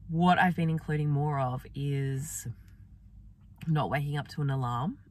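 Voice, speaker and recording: A woman vlogger talking softly and gently in a reflective personal diary, her voice affected by a sore, swollen throat. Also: deep voice, fairly even intonation, unhurried, distant mic. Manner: soft, gentle, meandering, with many fillers.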